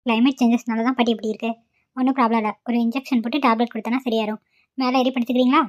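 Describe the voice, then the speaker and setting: A woman voicing a calm, reassuring female doctor in a cartoon, speaking quietly. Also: a little high, racing, natural voice. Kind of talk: cartoon voice acting. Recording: muffled lo-fi recording.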